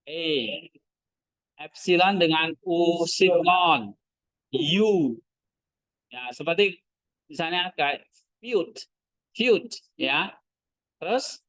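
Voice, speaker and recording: A man's voice: fairly high pitch, takes it slowly, pauses often, fairly bright tone, no echo, rough recording. A man teaching a class, asking his students short questions as he goes. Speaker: Greek language teacher. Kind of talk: classroom lesson.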